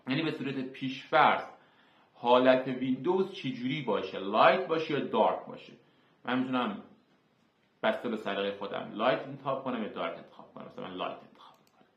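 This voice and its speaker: A man hosting a screen-recorded software tutorial, explaining each term step by step with filler sounds. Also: medium pitch, lively intonation. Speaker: tutorial host. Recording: echoey, dull lo-fi room.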